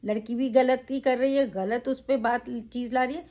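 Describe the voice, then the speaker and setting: A woman's voice: fairly high pitch, fairly even intonation, moderate pace, warm tone. A woman reviewing a reality show in a casual, opinionated way, emphatic, with frequent fillers.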